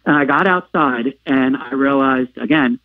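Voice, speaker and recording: A man telling a personal story as a podcast guest, pausing on lots of "uh" fillers and jumping loud when he acts out what people said. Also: mid-range voice, no room sound. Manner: halting, filler-heavy retelling; acts out quoted lines with sudden loud outbursts. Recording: narrow phone-like line, dry.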